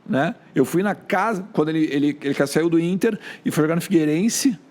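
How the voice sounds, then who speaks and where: A middle-aged man with a Rio Grande do Sul accent, a sports journalist telling stories in an animated, colloquial way on a podcast. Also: fairly high pitch, a little fast. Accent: Rio Grande do Sul Portuguese. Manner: animated, colloquial, with frequent filler tags. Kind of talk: casual podcast storytelling.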